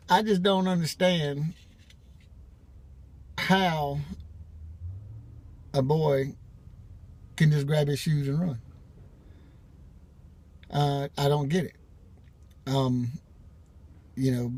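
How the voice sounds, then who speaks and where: A man's voice: medium pitch, a little mellow. A middle-aged man telling a casual, rambling story about his own life, full of restarts and everyday slang. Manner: rambling, colloquial, frequent restarts. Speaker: vlogger.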